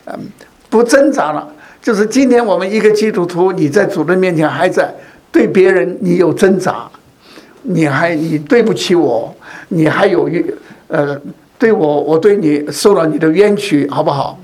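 A man's voice: high-pitched, normal speed, a little mellow. A man preaching a sermon, repeating phrases and asking rhetorical questions.

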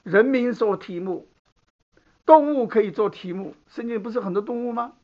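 A man's voice: high-pitched, normal speed, darkish tone. A man preaching a Bible sermon, teaching conversationally and often checking in with the listeners. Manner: conversational teaching, asks the room "好不好". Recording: dull lo-fi recording.

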